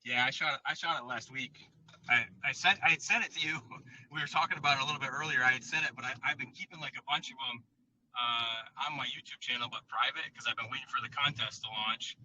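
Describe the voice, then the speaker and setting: A man calling in while driving, his voice very bright and sharp over a spotty car phone line with faint noise behind it. He rambles casually, pausing often and restarting his sentences. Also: mid-range voice. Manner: rambling, many fillers and restarts. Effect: calling in from a moving car over a spotty mobile connection. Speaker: podcast guest, contest entrant. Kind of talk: casual chat.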